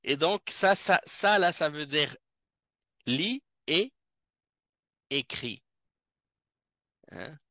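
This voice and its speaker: A man's voice: on the high side, animated, drawn-out words, long pauses, bright, forceful tone, no echo, clean studio sound. A man teaching a classroom language lesson as an Arabic teacher, patiently repeating each word several times, recorded in a mosque classroom.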